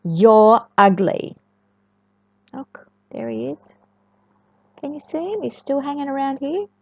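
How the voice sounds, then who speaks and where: Reading aloud to young children, a woman with a high, gravelly voice moves at a moderate pace through a storybook in a sing-song, expressive way. She keeps breaking off to chat and put questions to the listener. The echoey room gives the recording a dull, lo-fi quality.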